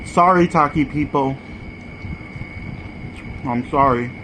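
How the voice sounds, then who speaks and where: A mukbang host with a mid-range voice eats and gives an informal food review, taking his time and repeating short verdicts. There's clearly noisy ambience in the background.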